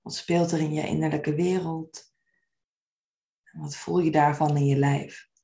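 Low, mellow woman guiding meditation softly. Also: level tone, gravelly. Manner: soft, soothing, unhurried phrasing with gentle invitations. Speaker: meditation guide. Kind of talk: guided meditation.

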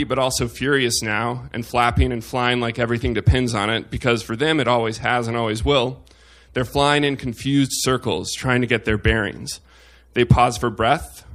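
A man's voice: mid-range voice, a bit bright. A man reading his own personal essay aloud on stage, with a wry, self-mocking humor. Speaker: op-ed reader at a live show.

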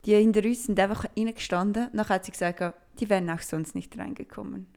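A woman's voice: medium pitch, fast talker, vocal fry. Swiss German woman telling stories. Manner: lively anecdote-telling with acted quotes. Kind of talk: casual chat, storytelling.

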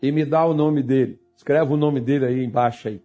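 A man preaching a sermon as a pastor, swinging between hushed, intimate passages and raised, fervent ones. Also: mid-range voice, steady tone, fairly quick, dull audio, soft background music.

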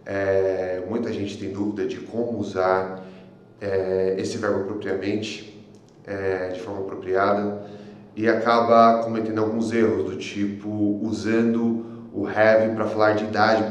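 Low-voiced Brazilian teacher in an echoey room. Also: male voice, a little hiss or hum. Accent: Brazilian Portuguese. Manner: frequent filler sounds and tag questions. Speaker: English teacher. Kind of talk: online language lesson.

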